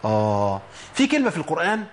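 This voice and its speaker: A middle-aged man with an Egyptian Arabic accent teaching tajweed, explaining rules and then stretching out example words slowly. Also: fairly high pitch, wildly swooping pitch, a little hiss or hum. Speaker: Quran recitation teacher. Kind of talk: tajweed lesson with recited examples.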